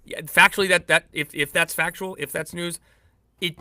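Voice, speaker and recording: Bright, animated man talking sports. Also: fairly high pitch, moderate pace, no echo, clean studio sound. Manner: animated, self-correcting, jokey. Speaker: podcast co-host and insider. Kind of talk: casual sports chat.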